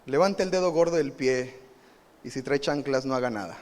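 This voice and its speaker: A man with a Mexican Spanish accent preaching a live sermon, animated and emphatic, often asking the congregation questions. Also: mid-range voice, moderate pace. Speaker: pastor. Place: church sanctuary. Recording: live church recording with long reverb.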